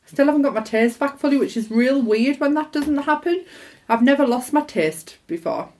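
A British woman co-hosting a podcast with casual, animated, teasing banter and quick interjections. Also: high-pitched. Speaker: podcast co-host.

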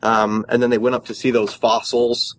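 A man in his thirties phones in to a talk show, his voice coming dry and close down the line. He speaks casually and haltingly, with plenty of fillers and restarts, at an ordinary pitch for a man. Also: little pitch movement, a bit bright, dry recording, poor audio. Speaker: caller. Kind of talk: casual podcast discussion.

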